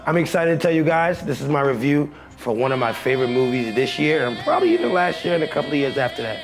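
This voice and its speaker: A young man reviewing a movie in a casual, excitable chat, joking and swearing freely. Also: mid-range voice, quick pace. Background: music.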